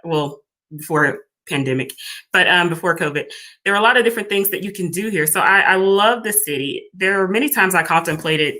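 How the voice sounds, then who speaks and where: A woman from Houston, a small business founder, talking as a guest in a casual interview, friendly and relaxed with plenty of ums. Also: fairly low pitch, brisk. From Houston, Texas.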